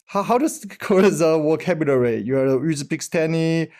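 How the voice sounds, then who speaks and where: A channel host introduces a casual interview over a video call, speaking hesitantly and haltingly as he hunts for words among many fillers. His voice is fairly high, animated and darkish.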